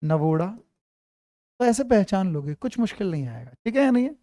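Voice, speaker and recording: A man's voice: high-pitched, sing-song, a little fast, dark tone, no room sound, studio quality. A man teaching an online grammar class, quizzing his students and repeating his questions.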